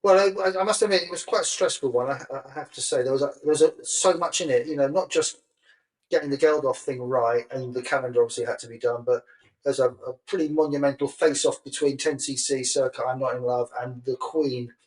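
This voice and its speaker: A man's voice: medium pitch, brisk, low-quality recording. A middle-aged man co-hosting a podcast, chatting easily, self-deprecating and laughing often. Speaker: podcast co-host and magazine editor. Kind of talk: casual chat.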